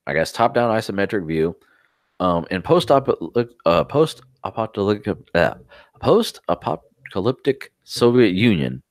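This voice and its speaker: A man with a very deep voice co-hosts a tech podcast in loose, rambling chat. He tells stories and swears offhand. The recording is dry and close, with almost no room sound. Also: big pitch swings, measured pace, dry recording. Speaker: podcast co-host.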